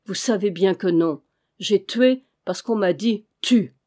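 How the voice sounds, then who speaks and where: A woman voicing a cynical male valet and hired killer, smooth, insolent and coolly ironic, in an audiobook reading. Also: medium pitch, slow, warm tone. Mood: menacing.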